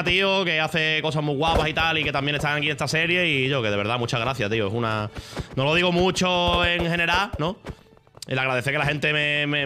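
A man's voice: on the high side, noisy background. A man with a Spain Spanish accent, streaming a game and chatting casually, crude, joking and rambling with lots of slang.

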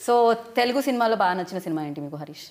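A woman's voice: fairly low pitch, animated, very fast. A young woman with a South Indian accent, interviewing casually and switching between languages. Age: young adult. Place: indoor press studio.

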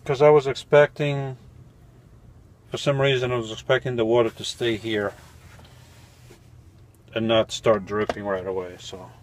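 The speaker, a van-life vlogger in his forties, makes coffee at night in his small, cluttered van and casually explains it to camera. His medium-pitched voice is steady and a little slow, with frequent pauses and slight background noise. He reasons aloud, mildly puzzled, fixing his own mistakes.

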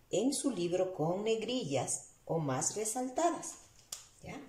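A woman teacher with an Ecuadorian Spanish accent explains a lesson slowly, step by step, asking her students rhetorical questions as she writes on the board. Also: on the low side, warm tone. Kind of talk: recorded class lesson. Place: room with a whiteboard. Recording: echoey room.

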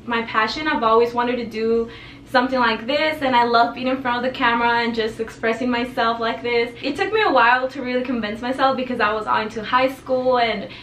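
A bubbly teenage vlogger from El Paso, Texas, who grew up in Juarez, Mexico, and speaks Spanish as her first language, chats casually to camera in her bedroom in front of a tapestry, gesturing a lot. Her voice is fairly high and bright, steady and a little fast. The room is echoey, the mic sits a bit far away, and there's a little hiss or hum.

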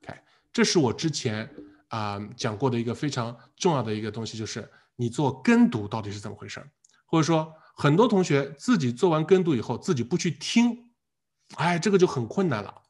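A man teaching an English exam class in a live online lecture, speaking with an animated manner, asking the class questions and repeating words as drills. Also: mid-range voice, a little fast.

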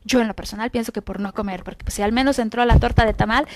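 A Mexican woman doctor talks through a list of healthy habits on a television interview. Her voice sits a little high, and her tone is explanatory. She keeps checking in with tag questions. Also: fairly even intonation, fast, no room sound. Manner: explanatory, lists numbered points, frequent tag questions. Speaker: doctor guest.

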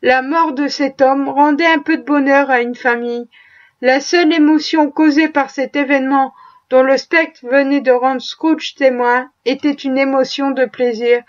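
A woman narrating a classic tale as an audiobook, with measured, expressive storytelling. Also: sits high, dull audio.

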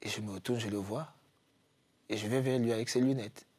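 Cameroonian guy telling football stories, animated, does the coach's lines. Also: medium pitch, a little fast, breathy edge, no echo. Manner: animated anecdotes, acts out quoted coaches. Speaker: guest footballer. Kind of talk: casual storytelling.

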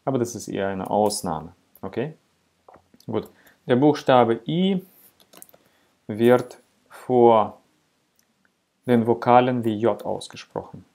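Slow, patient man explaining grammar. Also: fairly low pitch, a little mellow. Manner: slow, patient, with frequent "ja?" checks and fillers. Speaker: Latin teacher. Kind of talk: explanatory lesson.

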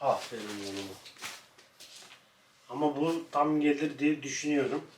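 A man's voice: medium pitch, moderate pace. A man vlogging at home with his dog, playfully chatting to viewers and scolding the dog in between. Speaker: pet vlogger. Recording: echoey room, mic at a distance, faint noise.

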